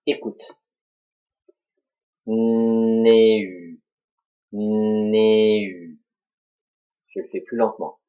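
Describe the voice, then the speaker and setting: Slow, deliberate male teacher. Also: on the low side, fairly even intonation. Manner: slow, deliberate, spells out syllables. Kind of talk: classroom dictation lesson. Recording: dull lo-fi recording.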